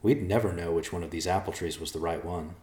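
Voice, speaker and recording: Man doing a polite earnest bear, low voice, roomy echo. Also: fast, warm tone, lightly acted. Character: earnest young male bear, polite and hopeful.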